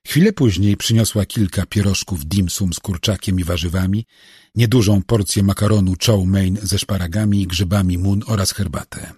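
A man reading a novel aloud as narrator, telling the story in a measured way and giving voice to each character. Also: deep voice, a little mellow, breathy edge, dry recording, clean studio sound. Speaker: audiobook narrator. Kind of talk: scripted narration.

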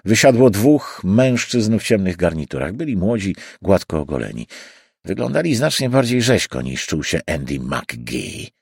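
Husky, expressive male audiobook narrator. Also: sits low, moderate pace, no room sound, clean studio sound. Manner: dramatic, varied reading. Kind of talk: scripted narration.

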